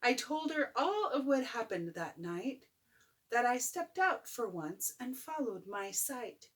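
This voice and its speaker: An older woman, a grandmother, reading a bedtime story aloud in an expressive, playful way, as if to a child. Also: fairly high pitch, slow. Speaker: grandmother reading a picture book. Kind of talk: bedtime story read-aloud with chatty asides.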